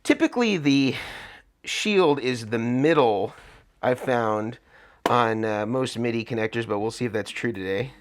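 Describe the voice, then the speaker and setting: A man's voice: mid-range voice, lively intonation, unhurried. American man instructing through a face mask. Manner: explanatory, step-by-step. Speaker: tutorial host, guitar rig builder. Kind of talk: hands-on tutorial talk.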